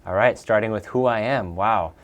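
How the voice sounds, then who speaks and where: This interview guest, an executive coach in his thirties who was raised in Peru and Bolivia, has a fairly low voice and a moderate pace. He's casual, upbeat and enthusiastic, and he often starts his sentences over.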